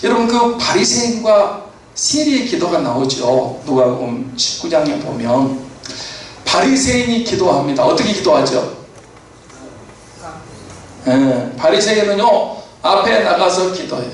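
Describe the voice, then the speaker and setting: Male pastor, slightly high voice, casual sermon delivery; recorded from a distance with faint hiss. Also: sing-song, a little slow. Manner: conversational preaching with frequent fillers and affirmations. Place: church sanctuary. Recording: echoey church hall from far off.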